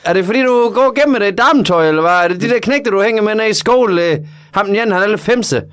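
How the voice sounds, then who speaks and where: A man playing a gruff, foul-mouthed middle-aged father on early pension, in a comedy sketch. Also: high-pitched, a bit bright. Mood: gruff scolding. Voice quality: coarse, swears constantly.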